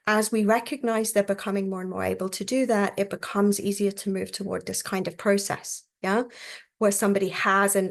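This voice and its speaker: Conversational woman teaching therapy technique. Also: medium pitch. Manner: conversational, often checks in with "yeah?"; acts out client and therapist voices. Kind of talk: teaching a class.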